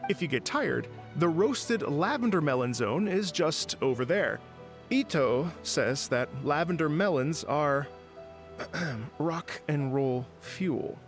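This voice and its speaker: A polite, fussy event organizer. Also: male voice, fairly high pitch, expressive, slow pace, soft background music. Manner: courteous and slightly fussy, with hesitant fillers. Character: polite eager male event organizer, young adult. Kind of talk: video game voice acting.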